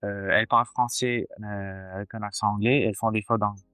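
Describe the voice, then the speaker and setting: A man's voice: on the low side, steady tone, a little fast, pushed and bright, clean tone, no room sound, faint music behind. A man in his forties, a cardiologist guest chatting casually in an interview, hesitant with many fillers and restarts.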